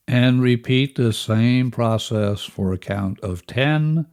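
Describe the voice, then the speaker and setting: A man leading a guided breathing lesson as instructor, measured and instructional, counting out each step. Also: lowish voice, dark tone. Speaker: relaxation and breathing instructor, host.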